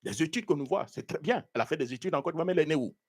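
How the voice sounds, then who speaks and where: Male show host, high and lively, indignant live commentator. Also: rapid-fire. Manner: animated, indignant, searching online while talking.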